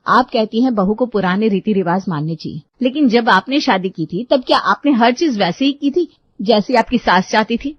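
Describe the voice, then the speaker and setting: A woman's voice: on the high side, animated, normal speed, dry recording. A woman voicing a polite, firm young daughter-in-law. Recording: dull lo-fi dry recording.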